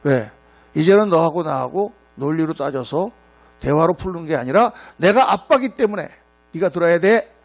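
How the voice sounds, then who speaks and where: A man's voice: a little high, normal speed. A middle-aged male pastor preaching a sermon in a church, telling stories and acting out the quotes. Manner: storytelling with acted-out quotes, animated. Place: church sanctuary. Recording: mains hum.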